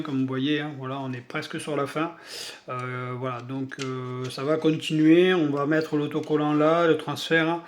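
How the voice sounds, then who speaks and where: Rambling man with a southern French accent. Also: fairly high pitch. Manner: rambling, many fillers and restarts. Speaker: scale-model hobby vlogger. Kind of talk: casual chat while building a model.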